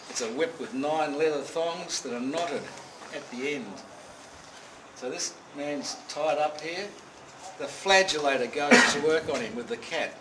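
A man giving a dramatic guided tour of a prison and projecting his voice to the group. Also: on the high side. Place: echoey old stone prison. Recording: echoey, distant, noisy visitor camera.

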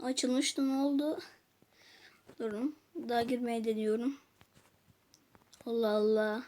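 A woman's voice: fairly high pitch, little pitch movement, slow pace, dark tone. A woman giving casual gameplay commentary, chatting to viewers and muttering to herself as she plays. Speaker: gaming youtuber.

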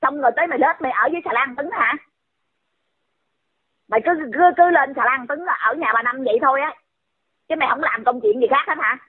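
A woman's voice: sits high, a little fast, long pauses, breathy edge. A woman, scolding someone in a heated rant and firing off repeated insulting questions. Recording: tinny phone-line audio.

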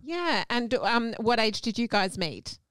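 A woman's voice: fairly high pitch, very animated, measured pace, clear, resonant tone, no room sound. Chatty woman radio host. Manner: chatty, giggly, warm questioning. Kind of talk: radio interview. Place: small radio studio. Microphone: freestanding microphone.

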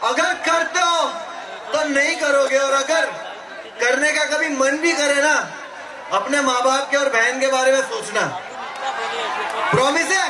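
A young man on stage with a handheld mic, shouting a speech and reciting poetry to his fans. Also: very high-pitched, a little slow, pauses often, noisy background. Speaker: comedian addressing fans. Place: large indoor fan event on stage. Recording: echoey hall, loud crowd, from far off.

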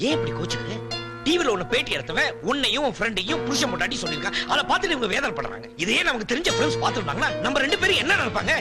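An actor playing an exasperated husband who keeps trying to calm his quarrelling family in film dialogue. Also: very high-pitched, racing, loud music behind the voice, full character voice. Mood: pleading. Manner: pleading, placating, exasperated. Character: harried, pleading husband caught between families. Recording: film scene over loud background score.

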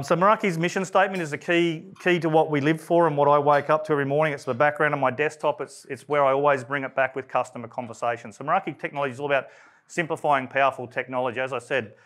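An Australian man gives a live technical presentation, and he talks very quickly. His delivery is casual, with lots of "um"s and restarts, and he calls his own voice monotone. His pitch sits mid-range for a man. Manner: rapid, conversational, with many fillers and restarts; self-described monotone. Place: event room.

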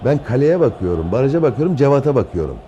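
A man with a relaxed, mellow voice and lively intonation tells a story in a casual interview. He is a former football coach who acts out what he said, with faint noise behind him. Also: medium pitch, fast, dull audio. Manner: acts out his own quotes.

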